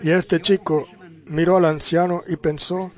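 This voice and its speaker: A man's voice: a little high, flat delivery. A man preaching a sermon, telling a story and putting rhetorical questions to the congregation. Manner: unhurried, with drawn-out pauses.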